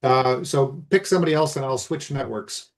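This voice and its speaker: A councillor joining remotely over a video call whose audio keeps breaking up, talking haltingly and checking whether anyone can hear. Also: medium pitch. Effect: choppy, breaking-up video call audio.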